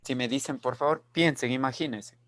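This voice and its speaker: A man teaching an online class, explaining slowly and repeating key phrases while checking that students follow. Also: medium pitch, fairly even intonation, fairly bright tone, no room sound. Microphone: video call.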